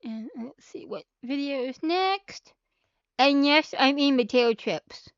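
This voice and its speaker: A woman's voice: sits high, a little slow, no echo, muffled recording. A woman hosting a casual live reaction stream, chatting aloud as she watches clips. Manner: chatty, reacts aloud, fiddles with mic levels.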